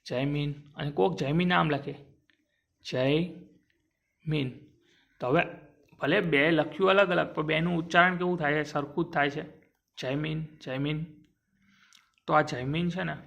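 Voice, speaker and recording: A man teaching an exam-prep grammar lesson, drawing sounds out slowly and asking and answering his own questions. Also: a little high, creaky, fairly bright tone, lo-fi sound.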